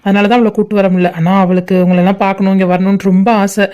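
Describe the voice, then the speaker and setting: A woman voicing a cheerful visiting relative in a cartoon, chatty and excited when greeting old friends. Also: medium pitch, fast, dull audio, natural voice.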